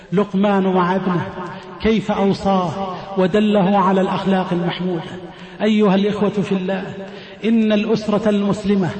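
A man delivers a sermon in a high, fairly flat voice, stepping through his points and repeating phrases for weight. His voice rings out in a large prayer hall with a long, echoing tail. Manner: measured, repeats phrases for emphasis. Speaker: preacher. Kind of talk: Friday sermon. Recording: echoey hall with long reverb.

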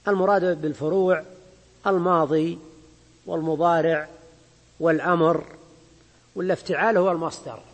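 A man teaching Arabic grammar in a measured way, explaining a text line by line and often checking in with his students. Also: fairly high pitch, steady tone. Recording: long hall reverb.

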